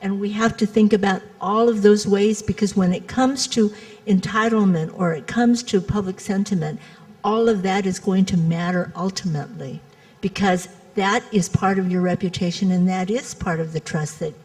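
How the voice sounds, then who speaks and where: A woman's voice: mid-range voice, fairly even intonation, normal speed, darkish tone, rough recording. Methodical woman panelist explaining. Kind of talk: conference panel discussion.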